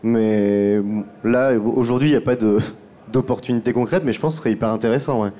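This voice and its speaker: A man's voice: medium pitch, a little fast, mellow. A man who produces podcasts, talking through his work in a round-table discussion and often restarting his phrases.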